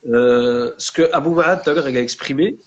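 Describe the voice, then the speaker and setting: A man's voice: mid-range voice, a little fast, highs cut off, slight background noise. A young man with a French Maghrebi urban accent talks casually in a discussion, mixing street slang with Arabic religious terms. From France, of Maghrebi family. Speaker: guest, book author.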